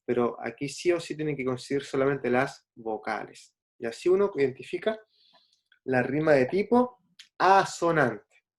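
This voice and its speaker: A man's voice: mid-range voice, normal speed. A man teaching a class, patiently checking in with his listeners and spelling out letters and syllables. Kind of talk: classroom explanation.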